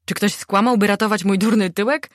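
A woman reading a first-person novel aloud in an expressive, animated way. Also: mid-range voice, fairly quick, dry recording, clean studio sound. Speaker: audiobook reader. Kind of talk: first-person audiobook narration.

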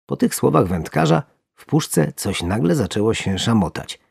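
A man narrating a children's story with a lively, expressive reading. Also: lowish voice, normal speed, vocal fry, slightly rough, dry recording, clean studio sound.

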